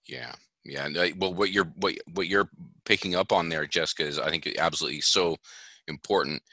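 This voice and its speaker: A man's voice: low voice, brisk, pushed and bright, no room sound. A man who founded a voice agency, talking earnestly in a podcast interview and stressing his points with many restarts.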